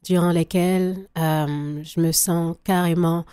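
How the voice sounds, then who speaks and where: Haitian-accented woman, soft thoughtful speech. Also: fairly low pitch, fairly even intonation, slow pace, clear, resonant tone, no echo, clean studio sound. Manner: reflective, laughs often, many restarts. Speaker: singer-songwriter guest. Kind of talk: radio interview conversation.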